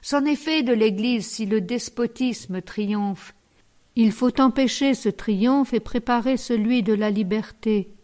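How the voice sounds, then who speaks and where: A woman's voice: a little high, slow pace, mellow. A woman reading the part of a young male curate, earnest and grave in tone.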